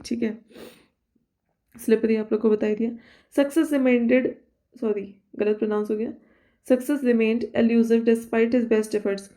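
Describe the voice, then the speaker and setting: In this exam-prep vocabulary lesson, the tutor is a woman with a fairly high voice and a mellow, monotone delivery who corrects herself along the way. Her explanations run through lists of synonyms punctuated by "theek hai," and she reads the English example sentences with slow deliberation.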